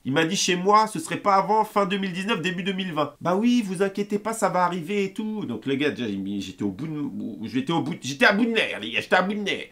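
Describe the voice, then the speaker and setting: A young man vents straight to camera in a casual, angry rant, his voice sitting a touch high for a man. He swears freely and acts out both sides of his phone calls. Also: expressive, fairly bright tone. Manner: fast, heated, swearing, retells phone calls. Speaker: gaming YouTuber ranting to viewers.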